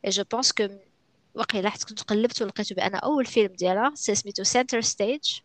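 A woman's voice: mid-range voice, racing, no echo. A woman with a Moroccan Arabic accent co-hosting a casual chat, often slipping into French and English phrases. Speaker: podcast co-host. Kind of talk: casual chat about films and series.

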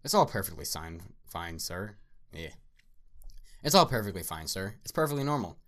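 A man voicing a manic, theatrical male artist villain who fawns over his guest, loud and sing-song with big jumps upward. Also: very animated, moderate pace. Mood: manic, insistent. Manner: obsequious, repeats "sir", swings loud and high. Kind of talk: dramatic story reading.

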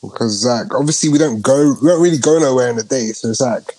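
A man's voice: mid-range voice, quick pace, mellow, husky, dry recording. A young man with a London roadman accent, chatting and joking in slang with his friends. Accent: London, urban roadman slang. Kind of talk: casual group banter.

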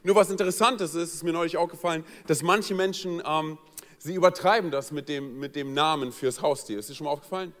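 A man's voice: a little high, brisk. A man telling a funny personal story in a sermon, acting out the voices of the people in it. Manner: lively, joking, acts out quoted voices. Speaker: pastor. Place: church hall. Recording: long church hall reverb.

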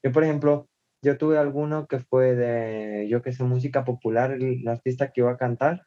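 A man, a guest singer, chatting casually on a podcast and telling stories about himself in a relaxed, self-deprecating way. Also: medium pitch, moderate pace, muffled recording.

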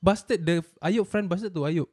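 A man's voice: sits high, fast talker, a little mellow, husky. A young man with a Singaporean accent, chatting casually in Singlish and telling anecdotes. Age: young adult. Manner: colloquial Singlish with lah and ah particles. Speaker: show co-host.

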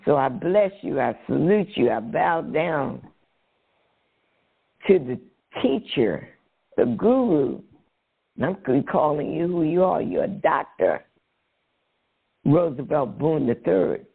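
A man speaking as a featured guest on a phone call, slow and effusive, giving blessings. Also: fairly high pitch, lively intonation, vocal fry, slightly rough. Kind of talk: spiritual phone call chat. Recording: phone line.

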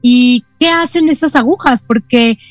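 High-voiced Mexican woman hosting radio. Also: no room sound, faint music behind. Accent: Mexican Spanish. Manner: lively anecdotal storytelling, quick asides. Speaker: radio show host. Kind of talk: radio talk show interview. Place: radio studio.

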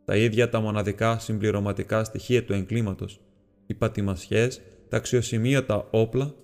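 A man narrating an audiobook in a steady, measured storytelling manner. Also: fairly low pitch, gravelly, in a large hall, soft background music. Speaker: audiobook reader.

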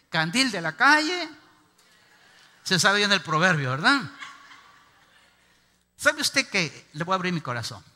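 Un hombre, pastor, predicando un sermón enfático y pidiendo a la congregación que repita sus frases. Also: male voice, high-pitched, sharp tone, long reverb tail. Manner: emphatic preaching, calls on the congregation to repeat. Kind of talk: sermon. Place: church.

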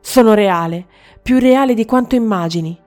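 A woman's voice: fairly high pitch, moderate pace, soft background music, pitched above the performer's own voice, close to an everyday voice. Woman voicing a scornful mirror reflection. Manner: harsh, scornful, loud. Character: cruel mocking mirror reflection of a prince.

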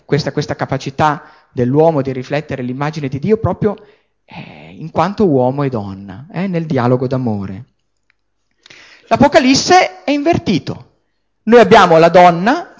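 Man, scripture lecturer, classroom talk, lively rising and falling pitch, frequent check-in questions, restarts words.

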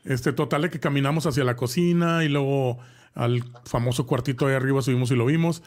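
This time the talk-show co-host has a mid-range voice and a fairly quick pace. Addressing his co-host in slang, he chats his way through a horror story, full of fillers, restarts, and rambling.

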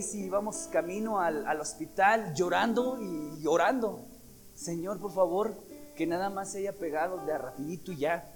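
A man preaching a sermon, emphatic and asking the congregation questions. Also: sits high. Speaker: pastor.

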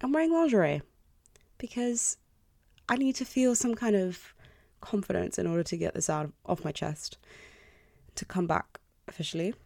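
Female podcast host, early 20s. Mellow and deep, self-deprecating and candid, recorded close and dry. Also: expressive, normal speed, creaky, dry recording. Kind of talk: confessional solo podcast talk. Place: bedroom. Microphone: close podcast microphone.

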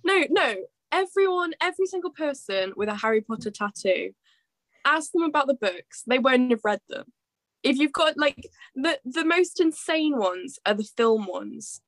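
Woman, podcast co-host, blunt casual chat, slightly high voice, dry sound. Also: expressive, moderate pace, dry recording. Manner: chatty, blunt and swearing. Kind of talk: casual chat, reading quiz questions. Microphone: video call.

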